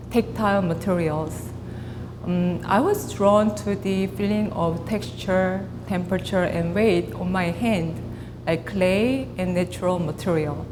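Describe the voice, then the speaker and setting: A woman from South Korea with a Korean accent, in her late thirties or forties, giving a measured artist talk with pauses and fillers. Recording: reverberant hall with clear rumble.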